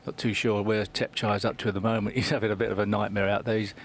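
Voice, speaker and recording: A man giving live snooker commentary in a measured, analytical manner. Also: fairly low pitch, little pitch movement, a little hiss or hum.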